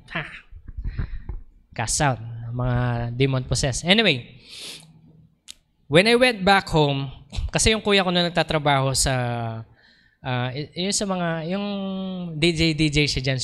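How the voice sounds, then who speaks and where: A man's voice: mid-range voice, a bit bright, clear, resonant tone. A Filipino man preaching a sermon as pastor, telling a personal story and mixing Tagalog with English. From Philippines. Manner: storytelling, switching between Tagalog and English, often laughing. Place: church service.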